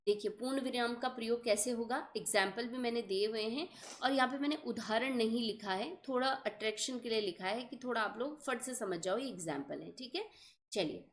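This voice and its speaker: High-voiced woman teaching grammar. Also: a little fast, a little hiss or hum. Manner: explains patiently, repeats checks for understanding often. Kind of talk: exam-prep grammar lesson.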